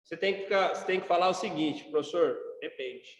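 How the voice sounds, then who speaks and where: A Brazilian man lecturing on law in a relaxed, conversational style, tossing quick questions back to his class. His voice sits fairly high for a man. It rings through a very echoey hall with a long reverb tail. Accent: Brazilian Portuguese. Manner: colloquial, rhetorical questions and tags like "sacou?". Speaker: law professor.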